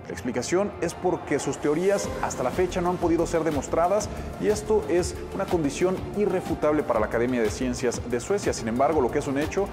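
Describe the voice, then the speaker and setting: A man's voice: on the high side, expressive, fast, hardly any pauses, music in the background. A man delivering scripted report narration.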